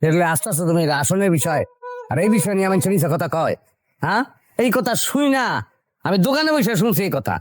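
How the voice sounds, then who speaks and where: A man's voice: a little high, dry recording, lightly acted. A man playing an upset village husband. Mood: reproachful. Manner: reproachful and fast-talking.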